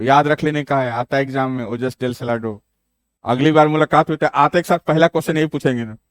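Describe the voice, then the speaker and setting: A man's voice: mid-range voice, clean tone, dry recording. A male geography teacher lecturing a classroom, switching between Hindi and English and repeating key names for students.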